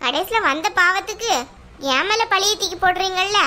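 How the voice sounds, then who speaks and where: A woman's voice: extremely high pitch, moderate pace, bright, forceful tone, slight background noise. A woman voicing a scolding mother of two daughters in a cartoon, nagging and exasperated. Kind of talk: cartoon voice acting.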